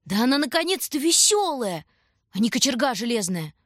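A woman voicing an excited, protesting young boy. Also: a little high, normal speed, no room sound, clean studio sound, pitched above the performer's own voice. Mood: agitated. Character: Shurka, frightened agitated boy.

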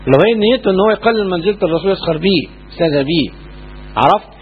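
An Egyptian sheikh talks fast in a slightly high voice, leaning hard on his points. The sound is narrow and phone-like, with a faint hiss behind him. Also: animated. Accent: Egyptian Arabic. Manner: colloquial, emphatic, checks understanding with "clear?". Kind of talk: religious lesson and Q&A.

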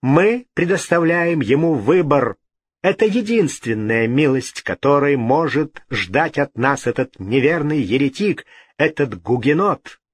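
A haughty, irritable king rules these lines with sharp outbursts and swooping intonation, as a man puts him on. The delivery is slow and pointed, with a slightly husky edge in a dry, close sound. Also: on the high side, lively intonation, no room sound. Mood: irritated. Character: imperious irritable male king.

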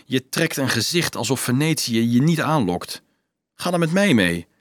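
A man voicing a calm, self-assured young student in a storybook, speaking in a measured way. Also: mid-range voice, no room sound, clean studio sound, lightly acted.

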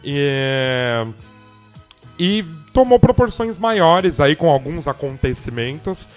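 A man's voice: a little high, animated, takes it slowly. A man co-hosting a casual radio chat about music, playful and giggly, talking through a head cold. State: has a cold. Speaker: podcast co-host.

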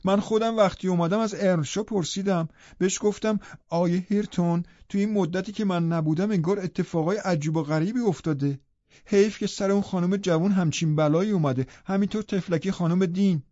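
A gossipy village housekeeper woman chatters away in a raised, high voice, as a male narrator puts her on. The tone stays dark and mellow under the pitch, recorded dry and slightly dull in this storybook reading. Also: dry recording, close to an everyday voice. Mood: chatty.

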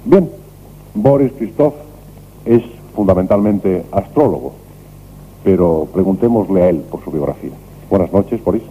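A man hosting a late-night radio program, talking calmly and reflectively with a guest, on an old radio recording. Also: low voice, normal speed, long pauses, phone-quality sound, slight background noise. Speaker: radio host.

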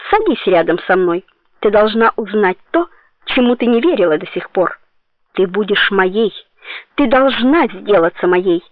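A woman voicing a cruel, possessive man in an audiobook, pitching lower and slower when threatening, with a tinny sound. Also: animated, no room sound, lightly acted. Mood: menacing. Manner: menacing, possessive. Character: cruel obsessive male villain. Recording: tinny phone-like dry sound.

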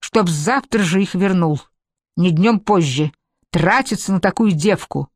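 A woman's voice: a little slow, darkish tone, dry recording. A woman reading aloud voices a hysterical, domineering general's wife in an overwrought, raised tone. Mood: furious. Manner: shrill, overwrought, raised pitch.

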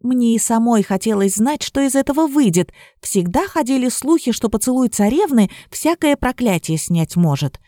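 A woman narrating a fairy tale in the first person, with a mellow, dark-toned voice and even delivery. The read is close and dry, with no room around it. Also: a little high, moderate pace, few pauses, no room sound. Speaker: audiobook reader.

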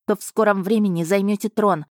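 A woman playing a defiant, sharp-tongued young noble bride with terse retorts. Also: medium pitch, steady tone, brisk, dry recording, clean studio sound, close to an everyday voice.

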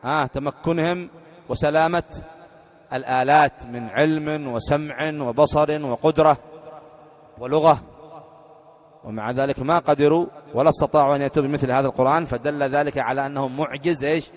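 A man's voice: fairly high pitch, steady tone, brisk. A religious teacher from Yemen, explaining a creed text in a lecture and often posing rhetorical questions to his listeners before answering them. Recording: dull lo-fi lecture recording.

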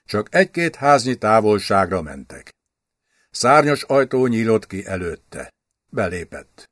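A man narrates a historical novel for an audiobook, his medium voice rising and falling with lively shape. The recording is dry and close, with no room echo. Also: lowish voice. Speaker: audiobook reader.

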